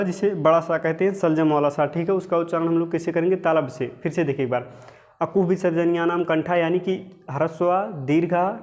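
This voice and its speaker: A man with a slightly high voice teaches an exam-prep lesson. He repeats each point, asks questions and answers them himself, and keeps checking in with his listeners.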